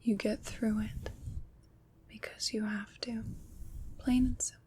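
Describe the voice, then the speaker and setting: In an ASMR roleplay, a woman portrays a kind, comforting witch, whispering very slowly and evenly with deliberate pauses in a gentle, reassuring way. Her hushed voice is on the high side and flat in delivery, with noticeable background noise behind it.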